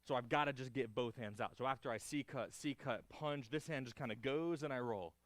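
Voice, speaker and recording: Male martial arts instructor, mid-pitched voice, dry close sound. Clipped counts and cues, encouraging corrections, hands-on class delivery. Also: brisk, dry recording. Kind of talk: hands-on karate class instruction, demonstrating moves aloud.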